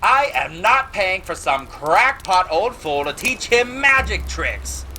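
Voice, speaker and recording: Guy doing an angry stubborn uncle, raised pitch, sharp and forceful, sputtering, storybook villain. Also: very animated, slow pace, slight background noise, full character voice. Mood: furious. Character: irate, stubborn middle-aged uncle, blustering villain.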